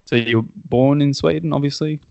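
A man hosting a casual interview, relaxed and encouraging, with frequent short agreements. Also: fairly high pitch, brisk, vocal fry, dry recording. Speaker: interviewer, podcast host.

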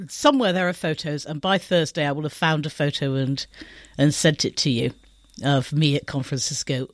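A woman in her fifties tells stories briskly in a casual podcast chat. Her voice is recorded dry and close, with no room sound. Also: sits low, no room sound. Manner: brisk, anecdotal storytelling. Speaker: podcast guest.

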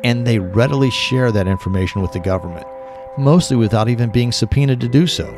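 A man's voice: low voice, moderate pace. A man voicing a paranoid middle-aged former tech worker who talks urgently and insistently, with music behind. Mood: agitated.

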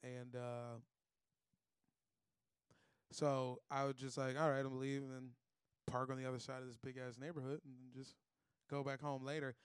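A man spins a casual comic story, loose and profane, acting out the people he quotes. His voice is smooth and clear. The sound is dry and close. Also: mid-range voice, flat delivery, moderate pace, pauses often, no room sound. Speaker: comedian guest.

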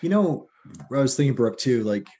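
A man on a podcast panel explaining casually, softening points with tag questions. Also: mid-range voice, big pitch swings, normal speed.

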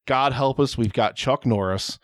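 A male podcast host talks loosely and casually, rambling and joking, and swears freely along the way. His voice sits at an ordinary middle pitch. The sound is dry and close, with no room around it. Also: normal speed, no room sound. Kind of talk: casual chat.

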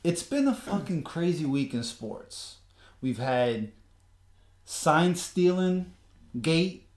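A man's voice: fairly high pitch, very animated, takes it slowly, echoey room. A tired man co-hosting a casual sports podcast, rambling and swearing, with the hiccups. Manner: rambling, swears, repeats words. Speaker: podcast co-host.

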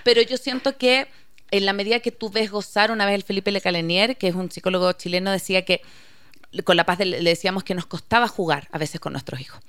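A woman's voice: mid-range voice, fast, a bit bright, smooth, dry recording. A woman hosting a casual talk, chatty and enthusiastic. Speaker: podcast host. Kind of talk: casual conversation.

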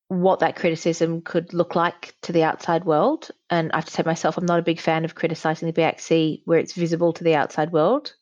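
A middle-aged woman chats casually, sharing candid, reflective opinions in a lowish, slightly mellow voice. The recording is dry, with slightly dull lo-fi audio.

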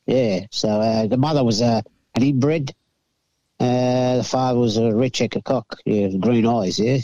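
An older man with an Australian accent chats casually as an interview guest, giving laconic, halting, drawled answers. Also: mid-range voice, fairly even intonation, mellow, highs cut off. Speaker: racing pigeon fancier, interview guest.

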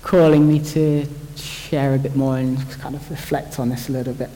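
A man's voice: medium pitch, flat delivery, normal speed, warm tone. Chatty man, echoing hall. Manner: chatty, jokey, thinks aloud with restarts. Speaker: church speaker. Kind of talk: informal Bible talk. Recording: long hall reverb.

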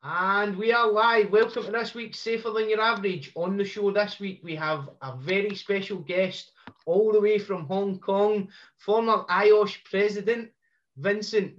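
A man's voice: sits high, fairly even intonation, a little slow, fairly bright tone, lo-fi sound. A man hosting a podcast, welcoming a guest and prompting him with short encouraging cues. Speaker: podcast host.

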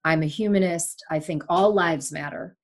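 Heard over a remote call, this fairly low-pitched woman speaks at a moderate pace. She's a Sri Lankan broadcaster in her forties who usually hosts podcasts but is the guest this time, chatting casually and telling stories with emphatic, candid animation.

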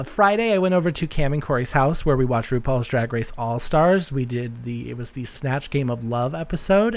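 A man hosting a solo podcast in a casual, rambling, chatty way with a campy touch. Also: medium pitch. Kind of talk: casual, rambling personal chat.

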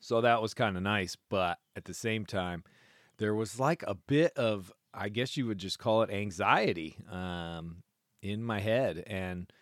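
A man's voice: fairly low pitch, dry recording, studio quality. A man with a phlegmy, chesty voice talking casually and reflectively in a vlog, rambling along with amused asides to himself. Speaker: solo sailor, vlogger.

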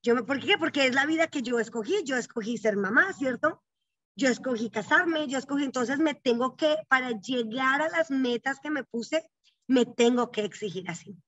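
High-voiced emphatic woman, dry muffled sound. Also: moderate pace, fairly bright tone, no room sound. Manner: emphatic, repeats questions like "¿cierto?". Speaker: interview guest. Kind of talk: earnest conversational storytelling.

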